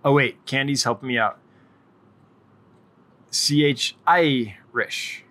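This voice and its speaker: A man's voice: medium pitch, slow, pushed and bright. A middle-aged man hosting a casual live-stream Q&A, chatty and friendly, rambling as he answers viewers' questions. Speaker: livestream host.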